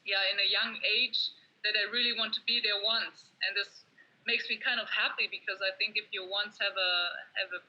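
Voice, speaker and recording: A young German woman with a German accent, answering interview questions in English, halting with many fillers and restarts. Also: medium pitch, fairly even intonation, bright, forceful tone, a little hiss or hum. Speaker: guest athlete. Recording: dull lo-fi audio.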